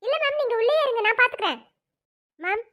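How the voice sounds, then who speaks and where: Very high, fussing cartoon women. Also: female voice, expressive, fast, fairly bright tone. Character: nurse, camp teachers and schoolgirls. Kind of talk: cartoon drama dialogue.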